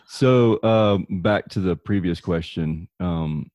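A man with a Deep South American accent hosting a casual interview in an informal, joking, rambling way. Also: takes it slowly, a little mellow, dry recording. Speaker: podcast host, interviewer.

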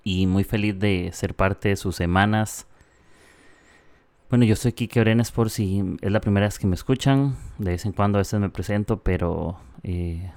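Deep-voiced Costa Rican podcast host. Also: male voice, moderate pace, no room sound. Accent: Costa Rican Spanish. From Costa Rica. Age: 30s. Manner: warm, chatty, with frequent "eh" fillers. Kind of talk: casual reflective podcast monologue.

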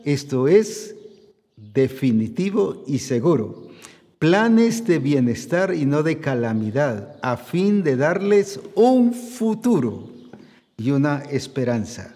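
A man's voice: on the high side, big pitch swings, slow, warm tone. A man preaching a sermon as an apostle, emphatic, asking rhetorical questions of his listeners. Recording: long hall reverb.

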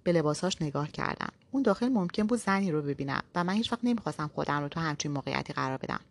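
A woman's voice: deep voice, gravelly. Woman narrating a novel in first person. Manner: steady first-person storytelling.

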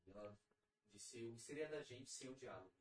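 A man's voice: medium pitch, animated, fairly quick, slight background noise. A man, the show's director, chatting casually and hesitating as he searches for words. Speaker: show director. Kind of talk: casual chat. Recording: echoey room.

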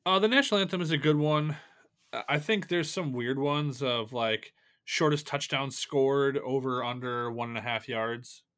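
A man's voice: medium pitch, normal speed, fairly bright tone. A man co-hosting a casual sports podcast, answering in brief, dry replies. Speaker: podcast co-host.

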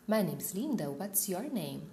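A woman's voice: on the low side, very animated, mellow, slight background noise, heavily acted. A woman reading a polite young woman traveler. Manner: slow, carefully spoken example dialogue. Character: friendly young woman traveler greeting a stranger. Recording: roomy echo.

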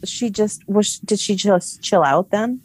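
A woman's voice: medium pitch, unhurried, a little mellow, slightly rough. A woman co-hosting a podcast, outspoken and teasing, joking through a casual chat. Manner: outspoken and teasing, jokes and swears. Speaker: podcast co-host.

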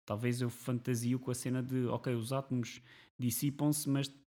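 A man's voice: mid-range voice, little pitch movement, moderate pace, dark tone. A man with a European Portuguese accent chatting casually as a co-host, dropping English slang into his speech. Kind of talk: casual chat.

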